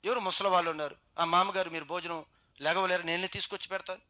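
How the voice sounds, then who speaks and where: A man with a Telugu accent preaching a sermon to a youth meeting, exhorting with rapid rhetorical questions and swinging between loud and quiet. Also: sits high, fairly even intonation. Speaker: pastor.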